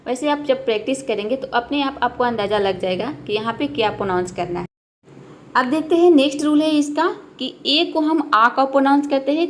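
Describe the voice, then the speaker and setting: A woman's voice: a little high, a little hiss or hum. A woman teaching English pronunciation step by step, asking questions and answering them herself. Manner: explains step by step, asks and answers her own questions. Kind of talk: classroom-style pronunciation lesson.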